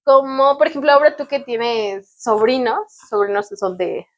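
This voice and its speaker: A young Mexican woman with a fairly high voice, chatting casually with her co-host. She tells her stories at an easy, relaxed pace and laughs often as she goes. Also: normal speed, dull audio. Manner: relaxed conversational storyteller with frequent laughter. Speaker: podcast co-host. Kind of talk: casual chat.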